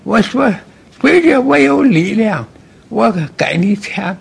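Male Buddhist preacher: gravelly, high-pitched voice, plain and repetitive teaching style, addresses the listener directly. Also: lively intonation, takes it slowly. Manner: plain and repetitive, often starting with "哎"; talks straight to a listener. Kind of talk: Buddhist sermon.

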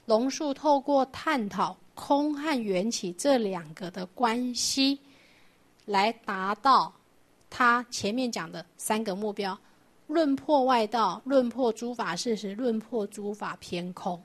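A woman's voice: on the high side, takes it slowly. A woman teaching a Buddhist doctrine lecture, explaining patiently and asking her class rhetorical questions.

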